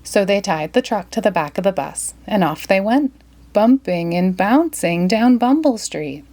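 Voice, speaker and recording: A woman reads a children's picture book aloud, telling the story in an expressive, dramatic way. Her voice is mid-range and her pace measured.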